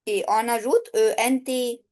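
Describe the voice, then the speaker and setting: A woman's voice: fairly even intonation, measured pace, a little mellow. A woman teacher giving a grammar revision lesson, spelling out letters and saying each word and answer twice. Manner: drops low when stating the answer.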